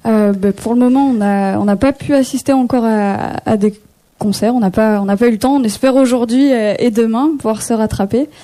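Warm-voiced young French woman, hesitant. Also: on the high side, steady tone. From Picardy, France. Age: young adult. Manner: chatty, hesitant with many pauses. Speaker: singer-songwriter guest. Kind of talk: casual radio interview. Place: radio studio.

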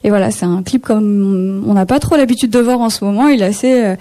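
A young singer-songwriter from Picardy, France, chats during a radio studio interview. Her medium-pitched voice is warm, and she answers in a talkative yet hesitant way with frequent pauses.

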